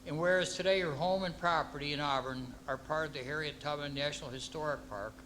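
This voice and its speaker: A man serving as mayor, reading a formal proclamation and then speaking off the cuff with halting, repeated words. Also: fairly high pitch, background noise.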